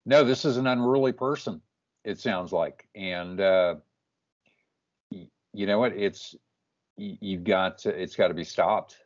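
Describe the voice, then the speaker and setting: Man, interview host, low voice, firm, emphatic, muffled lo-fi sound. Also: a little slow. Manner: firm, emphatic, keeps saying "you know what". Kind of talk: casual interview. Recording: muffled lo-fi call audio.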